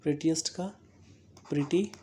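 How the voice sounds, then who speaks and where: A teacher with an Indian English accent explaining English grammar step by step, talking slowly and deliberately, spelling words out letter by letter and often checking understanding. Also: medium pitch, dark tone, slight background noise. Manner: slow, deliberate, checks understanding with frequent "theek hai". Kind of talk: recorded classroom-style grammar lesson.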